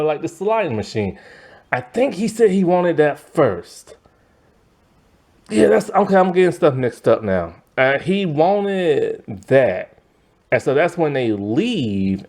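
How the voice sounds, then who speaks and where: A man's voice: mid-range voice, creaky, darkish tone. A young man casually recapping a TV episode in a loose, slangy, exasperated way, full of fillers and restarts. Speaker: TV episode reviewer.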